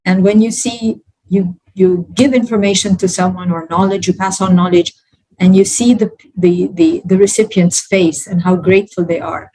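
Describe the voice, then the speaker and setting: Woman from Canada, middle-aged, halting with fillers, slightly low pitch. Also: steady tone, dark tone, low-quality recording. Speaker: guest, pediatric ophthalmology professor. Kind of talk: conversational panel talk.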